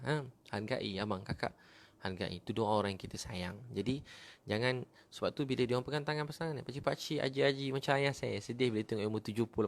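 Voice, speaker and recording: A young male preacher delivers a sermon in a low, gravelly voice. He tells stories with humor and emotional asides, keeping the delivery lively and heartfelt.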